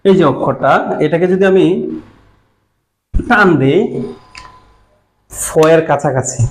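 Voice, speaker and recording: Bangladeshi man teaching, slightly high voice. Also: slow pace, poor audio. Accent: Bangladeshi Bengali. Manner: patient, explanatory, asks and answers his own questions. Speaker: language teacher. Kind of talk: classroom lesson.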